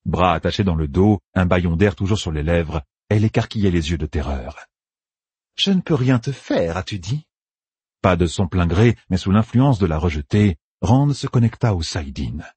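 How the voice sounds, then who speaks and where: A man narrating a fantasy audiobook in a dramatic, expressive reading. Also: deep voice, breathy edge, no room sound. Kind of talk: scripted narration.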